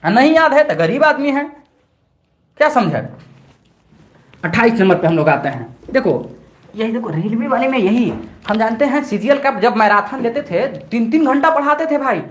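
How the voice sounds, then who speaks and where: A man's voice: very high-pitched, animated, moderate pace. A middle-aged man with a Bhojpuri-tinged Hindi accent, teaching a live online maths exam-prep class in a chatty way, repeating each point and scolding his students by turns.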